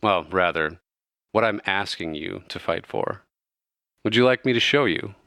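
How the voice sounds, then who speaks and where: Serene divine woman as a game master puts her on, measured, deep-toned, bright edge. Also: lively intonation, creaky, no echo, studio quality, exaggerated voice. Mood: solemn. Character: serene divine female patron spirit.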